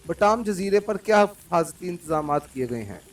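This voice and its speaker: A man's voice: high voice, normal speed, far from the mic, a little hiss or hum. A man playing a cold, witty male secret agent. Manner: calm and cold, mocking laughter. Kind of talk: audiobook character reading.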